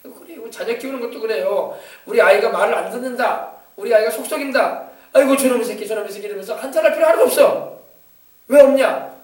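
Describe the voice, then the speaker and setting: A man pastor preaching a sermon, emphatic and exhorting, moving between loud commands and quieter asides. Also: very high voice, fast talker. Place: church sanctuary. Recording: echoey church hall from far off.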